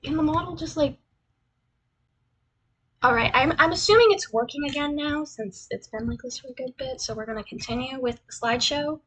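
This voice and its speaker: Over a slideshow on her livestream, the young VTuber with a cute anime-style persona introduces herself, rambling casually and repeating phrases in self-deprecation. She sounds high-pitched, brisk and fairly bright, on a low-quality recording.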